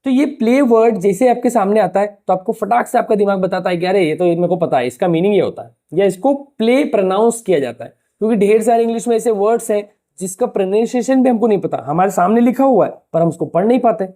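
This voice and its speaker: A man's voice: high voice, quick pace, hardly any pauses, warm tone. A man teaching a lesson in a casual, chatty way. He asks rhetorical questions and speaks to viewers like a familiar tutor. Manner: rhetorical questions, addresses listeners as "bhaiya". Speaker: English teacher. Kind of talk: casual explanatory lesson to camera.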